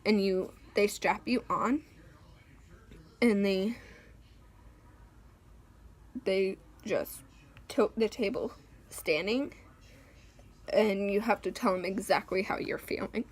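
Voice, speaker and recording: Slow-talking woman vlogger, hesitant. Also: mid-range voice. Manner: hesitant, many pauses and ums. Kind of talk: casual talk to camera.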